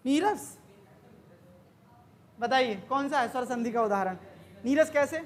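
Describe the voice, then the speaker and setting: A woman's voice: sits high, unhurried. A woman teaching an exam-prep grammar lesson, quizzing the class with questions that she then answers herself.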